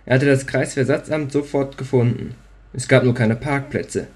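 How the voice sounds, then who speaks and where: A man's voice: medium pitch, moderate pace, darkish tone. A man reading a story aloud in a dry, matter-of-fact way. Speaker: narrator. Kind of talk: scripted narration.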